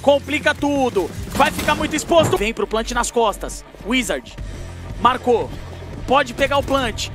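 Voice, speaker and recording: A Brazilian man doing excited live esports play-by-play like a fighting game announcer, with drawn-out shouted calls. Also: very high voice. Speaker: esports commentator. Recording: game commentary over background music.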